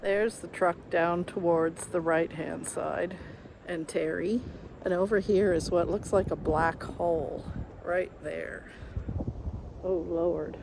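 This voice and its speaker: A woman's voice: lowish voice, steady tone, slow, creaky. Breathless woman hiking a dune. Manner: breathless running commentary while hiking. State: out of breath from climbing. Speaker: travel vlogger. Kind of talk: casual vlog narration to camera. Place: outdoors on a large sand dune. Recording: strong wind noise outdoors. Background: wind noise.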